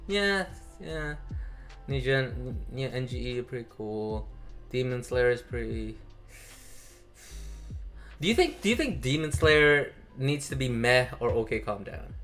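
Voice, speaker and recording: A man's voice: medium pitch, a bit bright. Guy rambling about anime fandoms, swears a lot, lots of ums and restarts. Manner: rambling, swearing, many fillers. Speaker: anime channel host. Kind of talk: casual ranking commentary.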